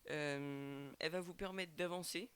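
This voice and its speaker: A man's voice: a little high, fairly even intonation, unhurried, fairly bright tone, clean tone. A man doing a casual tarot reading to a webcam with a microphone, stumbling and repeating words often. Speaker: tarot reader and channel host.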